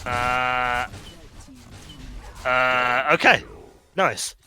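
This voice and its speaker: A man commentating a video game match, joking around and shouting at big plays. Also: medium pitch, drawn-out words. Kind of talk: esports commentary.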